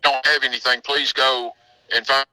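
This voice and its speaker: A man, a police chief, reporting by phone in urgent, halting bursts while the line keeps cutting out. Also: mid-range voice, flat delivery, bright, forceful tone, no room sound. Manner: urgent, halting, fragmented speech. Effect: cut-off, breaking-up phone transmission.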